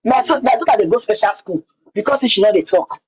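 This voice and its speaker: Husky Nigerian woman speaking Pidgin, dull audio. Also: mid-range voice, expressive, a little fast, darkish tone. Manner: repeats words for emphasis. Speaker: guest telling her own story. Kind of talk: personal account in conversation.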